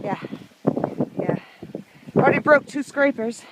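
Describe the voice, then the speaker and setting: A woman's voice: high-pitched, measured pace. A woman chatting casually from behind a handheld camera as she films a home video outdoors. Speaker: person filming a home video. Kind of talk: casual chat while filming. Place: outdoors in snow. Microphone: handheld camera, held by the speaker. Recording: loud wind noise on camera microphone.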